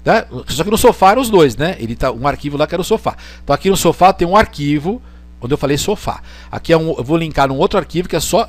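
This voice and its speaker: A man's voice: a little high, dry recording. Brazilian guy teaching online, joking around, voice goes up and down a lot. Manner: chatty, joking, lots of "né?" and "tá?" check-ins. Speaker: teacher giving an online lecture. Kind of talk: casual lecture with screen demo.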